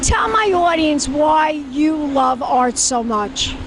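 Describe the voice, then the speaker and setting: A woman's voice: high voice, sing-song, takes it slowly. A woman hosting on-the-spot interviews at an art fair in a campy, theatrical, gushing diva manner. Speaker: host interviewer. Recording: noisy hall ambience behind voice.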